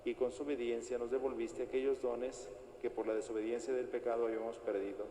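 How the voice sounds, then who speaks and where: A man speaking as a priest at Mass, reciting liturgical prayers in a solemn, formal, measured way in an echoing church. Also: mid-range voice, level tone, dark tone. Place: large reverberant church interior. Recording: echoey church hall, long reverb, noisy.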